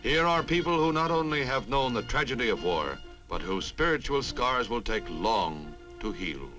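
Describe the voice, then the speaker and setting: A man's voice: mid-range voice, big pitch swings, moderate pace, poor audio. A man giving dramatic, declamatory 1950s newsreel narration with wry quips, heard as old newsreel sound from a film soundtrack. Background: music.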